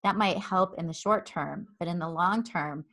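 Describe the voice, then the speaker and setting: Speaking at normal speed, a woman with a fairly low, slightly bright voice conducts an interview conversation. She's an adult with a child, and her earnest, long-winded style includes many ums and repetitions.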